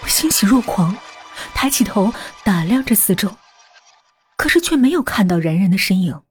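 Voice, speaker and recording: A woman narrating an audio story in a soft, unhurried storytelling manner. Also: medium pitch, big pitch swings, husky, faint music behind.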